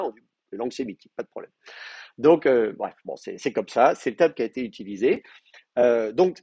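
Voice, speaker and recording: A man's voice: medium pitch, a little mellow, slightly rough, dry recording. A man lecturing a class, explaining patiently with many fillers and restarts. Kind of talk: university lecture.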